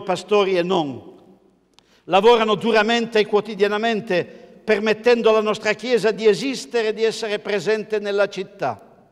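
Older male pastor preaching in a reverberant church. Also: high voice. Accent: Italian. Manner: measured, emphatic preaching with rhetorical questions. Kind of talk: sermon. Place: large church, preaching from a wooden pulpit. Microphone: pulpit mic, filmed by a camera across the church.

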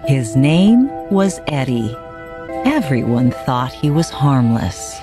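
An actress narrating a TV drama as a calm, wry woman, with measured, ominous storytelling. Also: a bass voice, exaggerated voice. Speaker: series narrator. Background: loud score music.

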